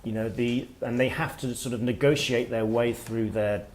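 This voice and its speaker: A middle-aged man, an author giving a workshop talk, speaking in a reflective, halting way as he thinks aloud. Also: mid-range voice, fairly even intonation, a little mellow, a little hiss or hum. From Wales. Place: workshop room with listeners.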